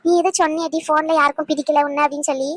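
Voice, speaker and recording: A woman's voice: high-pitched, level tone, rapid-fire, dry recording, natural voice. A woman voicing a fretful middle-aged village mother in a cartoon, lamenting and scolding with emotion. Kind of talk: Tamil cartoon voice acting.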